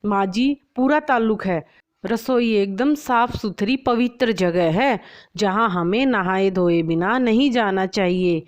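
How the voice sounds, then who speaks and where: A woman's voice: mid-range voice, slow, close to an everyday voice. A woman voicing a young, bossy daughter-in-law who fusses over a spotless kitchen and scolds sharply.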